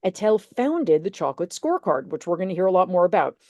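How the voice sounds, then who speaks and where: A woman's voice: lowish voice, sing-song, quick pace, dark tone, dry recording, lo-fi sound. A woman moderating an online panel, introducing speakers in a chatty way with many fillers and self-corrections.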